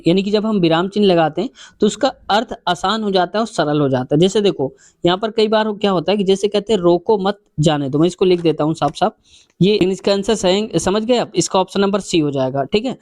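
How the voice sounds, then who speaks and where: A man's voice: high-pitched, darkish tone, no echo. A male teacher, going through exam questions one by one and explaining the answers. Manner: explanatory, repeats question numbers.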